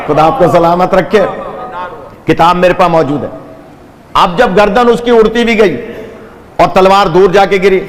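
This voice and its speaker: Man preaching to a gathering, telling a story with acted dialogue, slightly high voice, echoing hall. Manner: dramatic retelling with quoted dialogue, blessing the audience.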